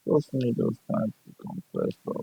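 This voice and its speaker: This young Nigerian gaming streamer talks casually in a Nigerian accent at a moderate pace, his tone dark. He is blunt and profane and keeps repeating his points, captured in a dull, dry lo-fi recording.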